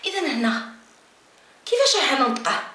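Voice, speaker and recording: A woman's voice: sits high, big pitch swings, bright, forceful tone. Patient woman teacher in an echoey room. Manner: slow, repeats letters and words, drawn-out explanations. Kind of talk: French lesson for beginners. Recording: echoey room, mic at a distance, faint noise.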